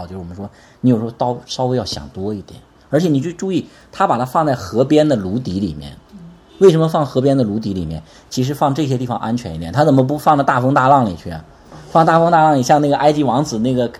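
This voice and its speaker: Fast-talking husky male preacher. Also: mid-range voice. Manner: lively, keeps asking the congregation for responses. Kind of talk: conversational sermon.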